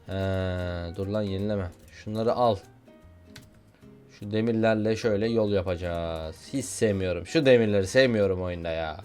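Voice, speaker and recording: A young man giving casual, excitable commentary while playing a video game, joking and shouting at what happens on screen. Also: low-pitched, normal speed, faint music behind. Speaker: gaming YouTuber.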